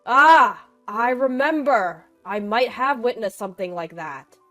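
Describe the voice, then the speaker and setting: A woman's voice: medium pitch, lively intonation, moderate pace, faint music behind, close to an everyday voice. A woman voicing an older grandfather who exclaims sharply. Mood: excited.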